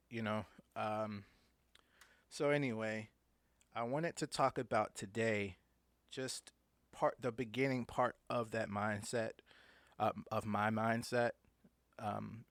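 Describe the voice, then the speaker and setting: A man's voice: mid-range voice, no room sound. A man with slightly slurred speech and imprecise T's and S's from an underbite, talking informally and hesitantly as a solo podcast host.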